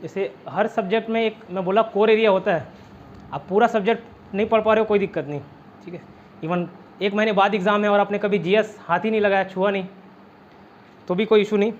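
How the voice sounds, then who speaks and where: An Indian man with a high voice and a Chhattisgarh Hindi accent runs an online exam-prep class, chatting freely, saying "theek hai" again and again, and quizzing students with mnemonics. He talks briskly with fairly level intonation and long pauses. The audio is dull and lo-fi, with a faint hiss underneath.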